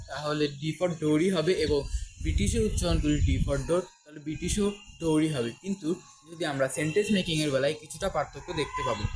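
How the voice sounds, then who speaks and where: A young man with a Bangladeshi accent hosting a casual English lesson, pausing often with fillers and drawing out each example word slowly. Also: a little high, slight background noise, poor audio. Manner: halting, with many fillers and restarts, slow drawn-out example words. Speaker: English teacher and channel host.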